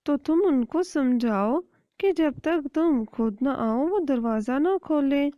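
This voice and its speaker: Lady playing a high friendly sparrow girl in a cartoon, reassuring, dull lo-fi sound. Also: animated, no room sound. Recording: dry, dull lo-fi recording.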